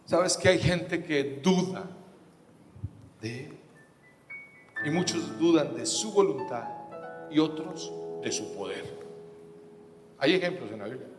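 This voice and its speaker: A man preaching a sermon, animated and swinging from loud bursts to hushed asides. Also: a little high, slow pace, pauses often. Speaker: pastor. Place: church hall. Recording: echoey church hall with faint music.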